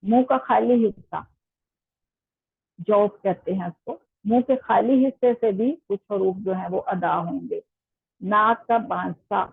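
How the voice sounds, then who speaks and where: A woman teaching an online Quran recitation lesson, explaining patiently with many pauses and fillers. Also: mid-range voice, vocal fry, breathy edge, no room sound. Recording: tinny phone-like line.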